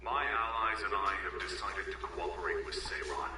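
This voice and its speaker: An actor playing a defiant young male rebel leader who makes a stern, declamatory public broadcast heard through loudspeakers like a megaphone. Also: sits low, moderate pace. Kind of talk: game cutscene voice acting. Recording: echoey, distant loudspeaker broadcast with noise.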